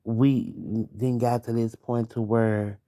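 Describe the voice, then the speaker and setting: A woman's voice: very deep voice, little pitch movement, slow pace, warm tone. A young adult woman hosting a late-night podcast, venting bluntly about her ex, swearing and talking straight at him. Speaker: podcast host.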